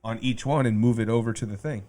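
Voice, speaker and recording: An easygoing man in casual podcast chat, explaining things with halting restarts. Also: mid-range voice, dark tone. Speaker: podcast co-host.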